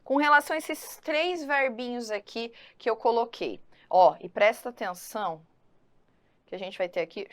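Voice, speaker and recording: Lively woman teaching grammar. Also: on the high side. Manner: lively, talks to the student directly, quick asides. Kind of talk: online exam-prep grammar lesson.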